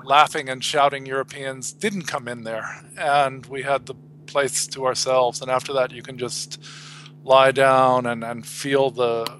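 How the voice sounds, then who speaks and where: A man's voice: mid-range voice, level tone, measured pace, fairly bright tone, a little hiss or hum. A middle-aged man on a phone line, chatting as a guest and telling stories in a dry, wry way. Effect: heard over a phone line. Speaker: guest commentator. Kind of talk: casual chat.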